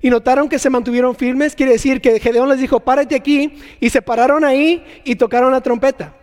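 Male preacher, high-pitched and animated, voice ringing in a reverberant hall. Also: a little fast. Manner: animated, acts out scenes with sound effects. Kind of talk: sermon.

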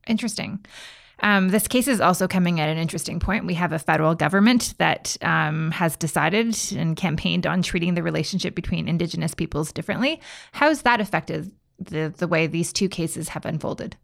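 A woman's voice: on the low side, a little fast, creaky, no echo, clean studio sound. Woman hosting a politics podcast. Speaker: podcast host. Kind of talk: scripted podcast narration and interviewing.

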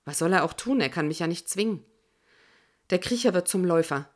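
A woman reading a first-person audiobook in a measured, tense manner. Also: fairly low pitch, expressive. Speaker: audiobook narrator. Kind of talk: first-person scripted narration.

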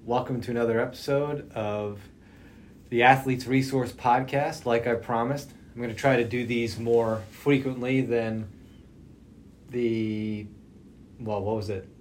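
A man's voice: mid-range voice, fairly even intonation, measured pace. Masked male podcast host, slightly muffled, noisy recording. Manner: speaking through a face mask, slightly muffled. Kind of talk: casual podcast conversation. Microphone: socially distanced podcast setup. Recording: muffled through mask, noticeable background noise.

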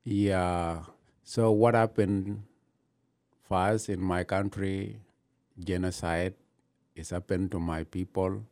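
A new citizen from Gambela, Ethiopia, recounts his personal story in an interview. English isn't his first language, so he speaks haltingly with many pauses, in a slow, deep, steady, darkish voice.

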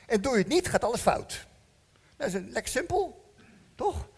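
A man preaching a sermon in a church, animated and joking, asking the congregation questions. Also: very high-pitched, moderate pace, vocal fry, breathy edge. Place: church hall. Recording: long church-hall reverb.

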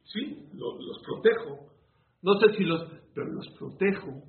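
A man's voice: high voice, lively intonation, unhurried. A man giving a sermon as a rabbi, preaching with rhetorical questions and storytelling. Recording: echoey, phone-like with faint room noise.

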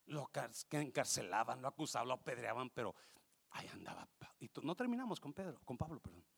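A male pastor, preaching a passionate sermon that swings from quiet explanation to shouting, with English words mixed in. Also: medium pitch, sing-song, fast, creaky, husky.

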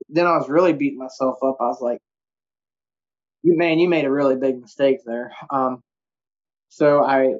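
The audio is dull and lo-fi. A man at a middling pitch. He tells hunting stories casually, rambling along in folksy phrasing. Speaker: deer hunter. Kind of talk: casual storytelling about hunting.

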